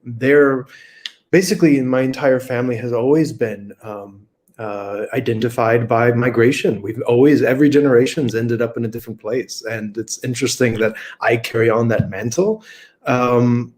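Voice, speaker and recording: Male guest from rural Kentucky, mid-pitched, casual and unscripted, lots of ums and restarts, on a video call. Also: fairly even intonation, normal speed, a little mellow. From rural Kentucky, USA. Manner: thinks aloud, many fillers and restarts. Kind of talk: unscripted conversational interview.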